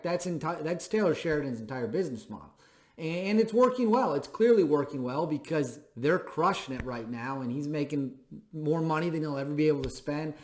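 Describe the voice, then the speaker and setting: A thirty-year-old man hosting a show, speaking an emphatic, plainspoken commentary monologue and repeating phrases for stress. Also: on the high side. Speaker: show host. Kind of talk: opinion commentary monologue to camera.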